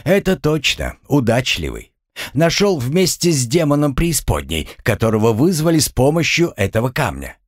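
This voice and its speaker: Guy reading a cool unbothered young hero in a storybook, dry teasing tone, lively pitch, dry close sound. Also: moderate pace, no room sound. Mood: mocking. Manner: deadpan and teasing. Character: calm, sardonic young man, unbothered.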